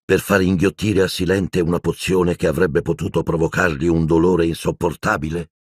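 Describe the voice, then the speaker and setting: A man narrating an audiobook with dramatic, expressive storytelling into a close microphone. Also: low voice, normal speed, slightly rough, dry recording.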